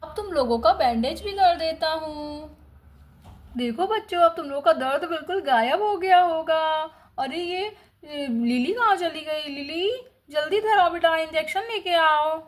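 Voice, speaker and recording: A bossy male doctor, played by a woman in her own high voice, who scolds his nurse and lays down the rules. His speech is stern and commanding. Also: measured pace.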